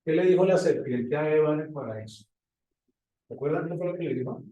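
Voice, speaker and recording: A man's voice: fairly high pitch, fairly quick, mellow, lo-fi sound. Man preaching from far in an echoey hall. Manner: preaching with rhetorical questions to the congregation. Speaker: pastor. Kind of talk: sermon. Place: church hall.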